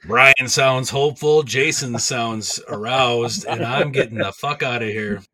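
A man co-hosting a podcast, giving informative recaps and reviews in a casual chat with deadpan jokes. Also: mid-range voice, a little slow. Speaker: podcast co-host.

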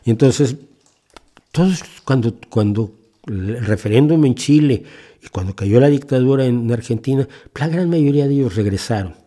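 A man's voice: medium pitch, expressive, normal speed, dark tone. A man in his sixties from Mexico, hosting a podcast and delivering an indignant, impassioned opinion monologue with frequent restarts. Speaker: podcast host.

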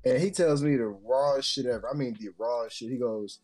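A man's voice: medium pitch, brisk, darkish tone, soft background music. A young adult man co-hosting a podcast, telling a story in a loose, slangy, profane way full of fillers. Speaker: podcast co-host. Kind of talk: casual storytelling chat.

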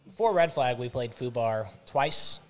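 A man's voice: mid-range voice, expressive, unhurried. A man guesting on a podcast as a band member, telling stories in casual chat.

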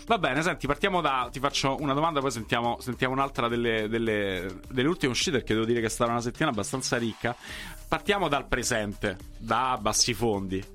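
A man hosts a relaxed, conversational interview. His voice sits at a middling pitch, with music playing faintly underneath. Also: fast talker. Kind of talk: casual interview chat.

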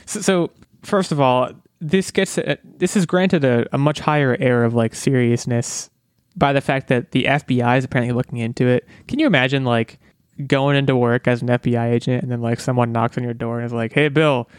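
A man talking casually as a podcast co-host, animated and musing aloud with rhetorical questions. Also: mid-range voice, fairly quick, clean tone, no room sound, clean studio sound. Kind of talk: casual chat.

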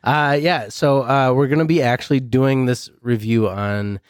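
Relaxed guy rambling on a podcast, dry close sound. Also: mid-range voice, unhurried, clean tone, no echo. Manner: laid-back, rambling. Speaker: podcast co-host. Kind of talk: casual chat.

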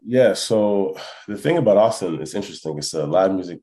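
Deep-voiced and reflective, this hip hop artist of Congolese family, born in France and later living in Canada and Texas, halts as he works through his replies in a casual podcast interview, frequently making sure the listener keeps up.

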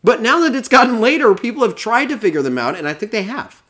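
A man's voice: very high voice, very animated, fast, sharp tone. A man talking through college basketball picks in casual sports chat, opinionated and reeling off rankings. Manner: opinionated, reels off rankings, laughs now and then.

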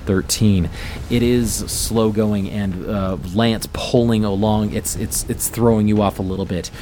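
A man with a fairly low voice serves as game master at a tabletop game. He narrates and calls for rolls haltingly, over faint background noise. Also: steady tone, mellow.

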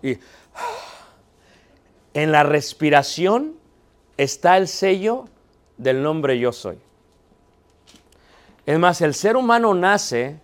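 A man teaching a theology class, asking the students questions and checking that they are following. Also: on the high side. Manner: poses rhetorical questions and answers them himself. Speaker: Bible teacher.

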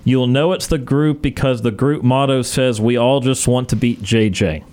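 A man hosting a sports radio show and wrapping up the episode, talking in a relaxed way with filler words. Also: medium pitch, moderate pace.

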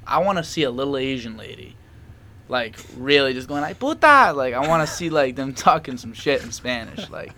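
Young man, casual podcast chat, rambling and animated, mid-pitched voice. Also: brisk, a little hiss or hum. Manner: rambling, animated, laughs often, many fillers.

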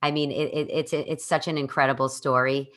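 A woman hosting a podcast, with a very low voice. Her tone is bright and forceful, and she sounds enthusiastic and encouraging. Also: steady tone, fairly quick. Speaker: podcast host. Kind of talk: interview.

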